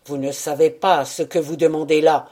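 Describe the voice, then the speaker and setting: A woman's voice: very deep voice, a little slow, darkish tone, voice pushed down. A woman doing an intense, anxious male scientist. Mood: angry. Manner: urgent, intense delivery. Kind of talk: audiobook character reading.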